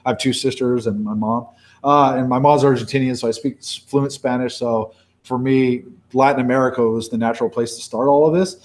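A sea turtle researcher in his forties from Baja California, Mexico speaks a little fast in a steady, mid-range voice. During this casual talk and Q&A he rambles conversationally, with frequent restarts and self-corrections.

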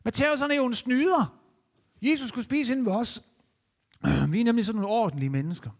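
A man's voice: extremely high pitch, creaky, exaggerated voice. A man voicing snooty, self-righteous townsfolk who sound indignant and sneering.

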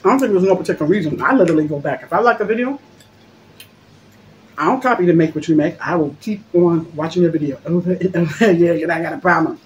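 A woman's voice: lowish voice, quick pace, dull audio, a little hiss or hum. A woman hosting a mukbang, chatting casually and joking while she eats and talks with her mouth full, recorded on a phone. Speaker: mukbang host. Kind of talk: casual eating-show chat.

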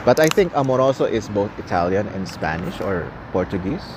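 With a lowish, very animated voice and a fairly quick pace, a young Tagalog-speaking man chats casually on a nighttime live stream outside a gas station. He laughs a lot and repeats words, filming on a phone at arm's length. Faint outdoor noise, traffic and city sounds fill the background.

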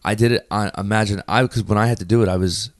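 A man with a very deep voice talks through his stories as an interview guest, loose and animated, full of "like" and quick restarts. The sound is close and dry, with no room around it. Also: no room sound. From United States. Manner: animated, many fillers and restarts. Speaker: guest, performer and host. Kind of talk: casual interview storytelling.

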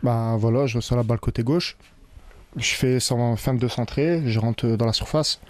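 A young man from France, a football player, answering post-match questions in a locker room, relaxed with many fillers, into a handheld mic. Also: medium pitch, normal speed, no echo. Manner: relaxed, many filler sounds, loose phrasing. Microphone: interviewer's handheld mic.

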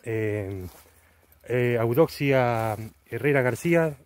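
A man's voice: medium pitch, takes it slowly, a little mellow. A middle-aged man with an Argentine accent talks in a casual vlog style. He is recorded outdoors in woodland at night, hosting an exploration.

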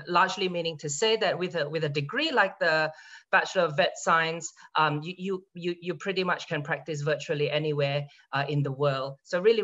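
A man's voice: high-pitched, sharp tone. A man in his thirties from Singapore, a university lecturer speaking in an online info session, chatty and often restarting his words. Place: home room, indoors, evening. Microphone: video call. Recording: dull lo-fi video call audio.

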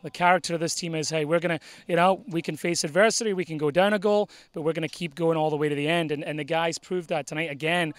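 A man in his forties speaks quickly and earnestly into a handheld mic, a little high for a man. He is a head soccer coach talking after a game outdoors at night, with a dry, close sound and no echo. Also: steady tone. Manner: fast, earnest, repeats phrases when starting sentences. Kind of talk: postgame interview. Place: outdoor soccer field at night under floodlights. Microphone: handheld interviewer mic.

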